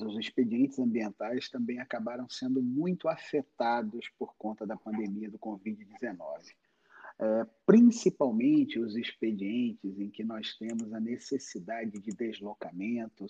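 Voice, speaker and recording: Male Brazilian expert guest, formal and measured, husky edge, dull lo-fi recording. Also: on the low side, mellow. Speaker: podcast guest, environmental lawyer. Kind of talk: formal expert explanation in an interview.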